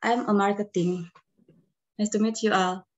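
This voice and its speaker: A woman from West Sumatra who works in marketing, giving a brisk, simple self-introduction in English. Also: mid-range voice, steady tone. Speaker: class participant, marketing. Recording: dull lo-fi online call.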